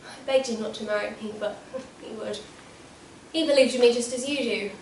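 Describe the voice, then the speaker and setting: Teen girl doing a fragile sighing young woman, high voice, school play, echoey hall from far back. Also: brisk, a little mellow, a little hiss or hum, close to an everyday voice. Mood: wistful. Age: teenage. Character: young woman saying farewells, fragile and wistful. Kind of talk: stage acting.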